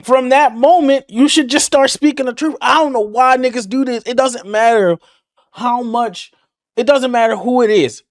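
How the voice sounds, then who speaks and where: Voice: medium pitch, moderate pace, dry recording, clean studio sound. A reaction video host ranting angrily with heavy profanity while commenting on a clip. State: livid.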